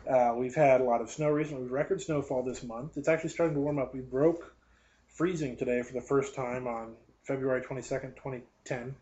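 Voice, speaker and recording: A man's voice: mid-range voice, fairly even intonation, a little fast, mellow, a little hiss or hum. A young man hosting a podcast, reading a college newspaper aloud and sarcastically picking it apart, rambling off on tangents. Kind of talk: casual live commentary. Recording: dull lo-fi recording.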